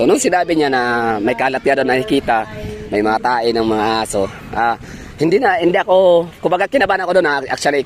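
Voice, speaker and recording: A man's voice: medium pitch, slight background noise. A man from Davao with a Bisaya accent, chatting casually in a vlog, rambling, correcting himself and mixing in English words. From Davao, Philippines. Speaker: travel vlogger.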